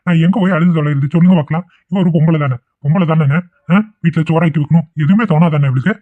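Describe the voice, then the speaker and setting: A man with a Kongu Tamil accent voicing an angry young village husband who shouts and nags in a cartoon. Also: a little high, very fast, no room sound, natural voice. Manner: shouting, nagging. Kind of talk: cartoon voice acting. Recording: tinny lo-fi phone-like audio.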